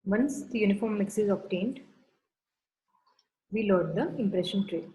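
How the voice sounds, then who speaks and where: A woman's voice: mid-range voice, measured pace, mellow, low-quality recording. A woman lecturing on dental materials, going through classifications step by step in a methodical, instructional way. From India.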